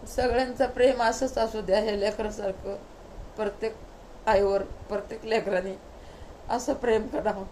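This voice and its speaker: A woman's voice: mid-range voice, steady tone, moderate pace, warm tone, slight background noise, poor audio. A middle-aged woman telling a homespun devotional story at home, repeating each line twice in a rhythmic, heartfelt way. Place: at home at night.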